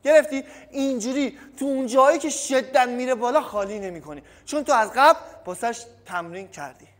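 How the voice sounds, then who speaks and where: Man with a cold, boxing coach, energetic then trailing off, long reverb in a gym, no mic. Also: very high voice. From Iran. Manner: energetic, addresses viewers as kids, trails off quietly. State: has a cold. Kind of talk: casual training tutorial. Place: gym by a punching bag. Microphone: no microphone, camera audio.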